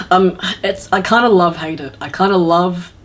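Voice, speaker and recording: A podcast host who reviews video game films chats casually and opinionatedly on a panel, rambling along and acting out imagined lines. The voice is mid-range and a little slow.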